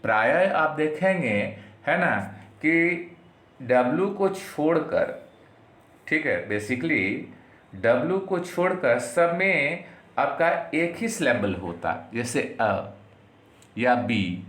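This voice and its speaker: A man from Bihar with an Indian accent, teaching an English lesson and explaining slowly, with lots of repetition and tag questions. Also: on the high side, sing-song, fairly bright tone. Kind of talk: classroom lesson. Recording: echoey room.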